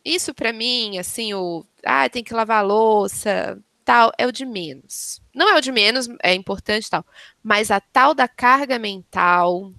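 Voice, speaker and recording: A Brazilian woman in her thirties tells everyday anecdotes in a chatty, expressive way. Her voice is bright and edged, set a little high. The sound is close and dry. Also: unhurried, no echo. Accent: Brazilian Portuguese. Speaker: podcast co-host. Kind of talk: casual chat.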